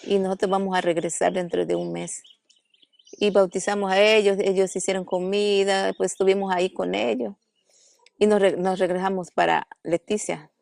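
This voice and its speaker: A woman's voice: mid-range voice, little pitch movement, moderate pace, vocal fry, darkish tone, dry recording. A woman pastor from the Amazon jungle giving her testimony in an interview, telling the story and acting out the quoted dialogue, recorded at a family house in a jungle village. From Amazon jungle region.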